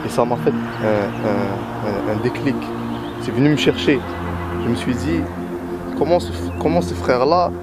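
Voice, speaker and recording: A man's voice: medium pitch, measured pace, loud music behind the voice. A man from Algeria giving a personal testimony in an interview, talking hesitantly and often repeating words while he looks for his phrasing.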